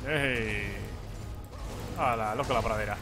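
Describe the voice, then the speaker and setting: Over faint background music, a young Spanish man with a Spanish accent talks casually through his gameplay in a lowish, slow voice. This gaming YouTuber laughs, swears at the lag, and playfully pleads with the game.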